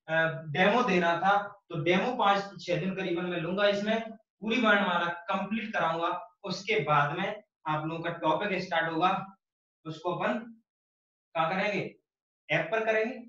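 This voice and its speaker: A man's voice: high voice, bright, forceful tone. A man teaching an online Hindi grammar lesson, explaining patiently, repeating key phrases and answering his own questions. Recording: distant, dull, very echoey room.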